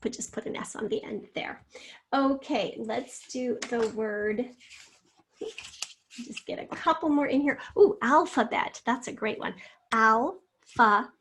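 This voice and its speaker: A woman teacher with a slightly high voice walks students through a spelling lesson. She draws out each syllable slowly and speaks to them in an encouraging way. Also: slight background noise. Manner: slow, drawn-out sounding out of words; encouraging, addresses students directly.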